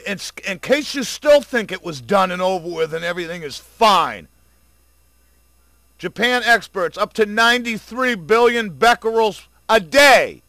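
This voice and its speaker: A man delivering an angry, profane ranting commentary, sarcastic toward his listeners, swinging between low muttering and loud outbursts. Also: no echo. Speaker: video blogger.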